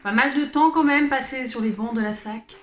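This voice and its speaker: A woman's voice: high voice, moderate pace. Self-mocking young woman in an echoey room. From born in Switzerland, Portuguese family. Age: late 20s. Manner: colloquial, self-mocking, rambling with sighs and laughs. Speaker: vlogger, channel host. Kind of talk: casual confessional chat to camera. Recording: roomy echo with music underneath.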